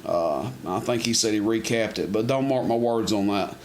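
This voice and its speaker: Here a CB radio seller talks at normal speed in a voice on the low side, meandering through a homey, improvised demonstration of his equipment. Clicks and noise mark the amateur camera recording.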